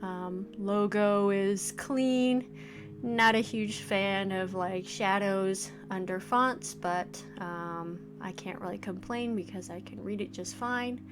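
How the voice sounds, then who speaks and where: With video game music in the background, a let's play host in her forties, herself an indie game developer, offers first-impression commentary. She speaks slowly at a medium pitch, musing aloud in halting phrases that trail off.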